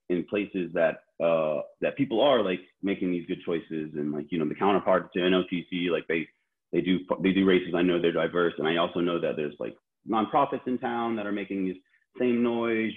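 A man born in Korea, speaking as an interview guest in a loose, rambling way with many fillers and restarts. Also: low voice. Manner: rambling, heavy use of "like" and restarts. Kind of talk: casual conversational interview. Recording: tinny phone-like line.

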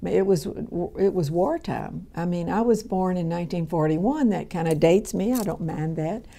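A woman's voice: on the low side, normal speed, creaky, dark tone. A woman, giving a conversational radio Bible teaching that rambles along with many fillers and restarts. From Kentucky, USA. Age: 70s.

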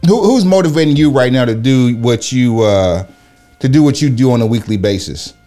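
A man with a mid-pitched voice hosts a casual chat. His delivery halts and doubles back on words, with music clearly playing behind him. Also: animated, dark tone. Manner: halting, repeats words as he searches for phrasing. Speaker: podcast host and interviewer.

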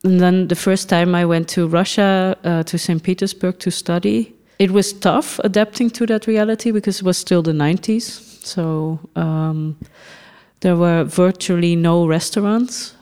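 This is a podcast interview with a Dutch film festival director, a middle-aged woman whose lowish, smooth voice keeps a fairly even intonation. Her answers are thoughtful, broken by frequent pauses and gentle laughter.

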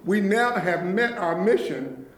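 A man's voice: high-pitched, expressive, measured pace, a little hiss or hum. A man leading a nonprofit, speaking earnestly and gratefully at a public meeting, often checking in with his listeners. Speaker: nonprofit leader addressing county officials. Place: meeting room. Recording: echoey meeting room.

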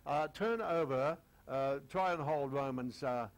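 An older man teaching a sermon, chatty with many fillers, reading scripture slowly, his voice a little croaky. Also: mid-range voice, rough recording. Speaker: preacher.

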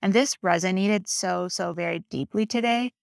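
A woman's voice: mid-range voice, normal speed, gravelly, no echo. A woman giving a reflective tarot reading in a casual, rambling monologue, earnest and heartfelt, often checking in with "right?". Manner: heartfelt, close to tears at times. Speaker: tarot reader.

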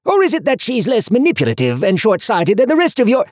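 A man's voice: high-pitched, wildly swooping pitch, quick pace, darkish tone, dry recording, clean studio sound, pitched above the performer's own voice, heavily acted. A man voicing a fussy, pedantic talking book that lectures nonstop. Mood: mocking. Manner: lecturing, know-it-all. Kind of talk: audiobook character voice.

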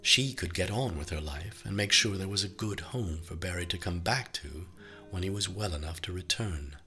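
Low-voiced guy narrating an audiobook, crisp bright tone, steady measured reading, quiet guitar behind. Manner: even, measured storytelling. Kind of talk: scripted narration.

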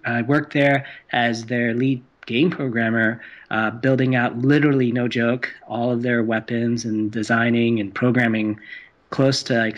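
A man's voice: medium pitch, lo-fi sound. A man from Hong Kong talking as a guest on a podcast, in a mid-range voice. He is friendly and eager, often restarting his sentences as he tells his story. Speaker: game developer guest. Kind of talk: casual podcast interview.

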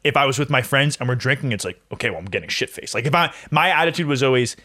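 A man in his twenties co-hosting a podcast, chatting casually and telling animated stories, swearing freely. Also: mid-range voice, very fast. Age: 20s. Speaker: podcast co-host. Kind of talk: casual chat.

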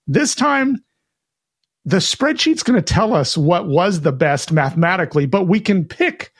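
A man co-hosting a podcast who talks in an upbeat, chatty way and often restarts his sentences. His speaking voice sits quite high for a man. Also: expressive, unhurried, no room sound, studio quality. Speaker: podcast co-host. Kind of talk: casual chat.

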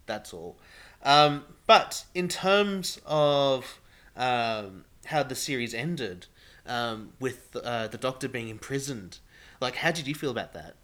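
A podcast host with an Australian accent rambles through a casual chat, filling his talk with "like." His mid-range voice is expressive and a bit bright, and he takes it slowly.

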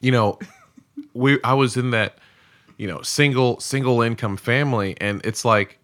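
Bright-voiced casual podcast man. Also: mid-range voice, normal speed. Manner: candid, rambling, swears and laughs often. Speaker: podcast co-host. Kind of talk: casual chat.

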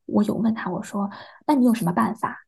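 A woman's voice: mid-range voice, fast, creaky, a little mellow, husky. A young woman from China, a podcast interview guest, hesitantly recounting a personal experience and acting out remembered dialogue.

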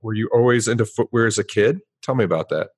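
Low-voiced man hosting a podcast. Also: slightly rough. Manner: measured storytelling narration. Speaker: podcast host. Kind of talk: scripted podcast intro and interview.

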